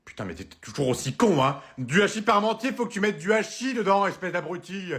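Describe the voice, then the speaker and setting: A man doing comedy sketches, switching quickly between bickering characters. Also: high voice, lively intonation, fairly bright tone. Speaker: sketch comedian playing all parts. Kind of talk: comedy sketch role-play.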